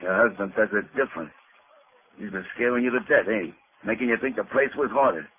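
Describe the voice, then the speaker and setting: Tough wise-guy gangster, lowish voice, blunt slangy talk, tinny hissy old am radio. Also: a little fast. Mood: sneering. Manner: blunt street slang, sneering. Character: tough, cocky male gangster. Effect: old AM radio broadcast sound.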